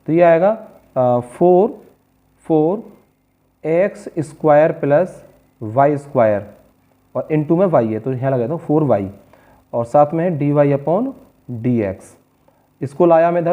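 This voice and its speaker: A male maths teacher working through a board-exam problem, patiently coaxing his students and checking they follow. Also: a little high. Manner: patient, coaxing, calls students "beta" and "bachche". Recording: tinny phone-like lo-fi audio.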